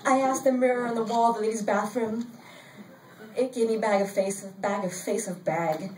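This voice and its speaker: An older woman reading her own story aloud at a live event, in a wry, deadpan storytelling manner. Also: fairly high pitch, moderate pace, recorded from a distance. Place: bar event space, indoors. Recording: roomy sound from off-mic, faint crowd noise.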